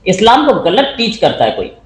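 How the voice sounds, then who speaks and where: A man with a fairly high voice talks through politics in a relaxed, conversational way. He reads viewer comments aloud and laughs easily. His voice bounces around a roomy space. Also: normal speed. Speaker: co-host of a political talk show. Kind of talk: casual political discussion.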